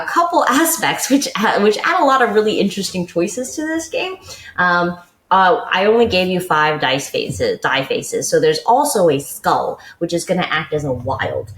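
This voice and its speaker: A woman's voice: on the low side, reverberant. A woman co-hosting a podcast, chatting casually and explaining game rules step by step. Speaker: podcast co-host. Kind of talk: casual board game chat.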